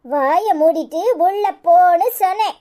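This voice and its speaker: A woman's voice: very high-pitched, measured pace, warm tone. Anitha, a woman voicing a scolding young wife. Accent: Kanyakumari Tamil. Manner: scolding, dismissive. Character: sharp-tongued young village wife Anitha. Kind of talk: cartoon comedy voice acting.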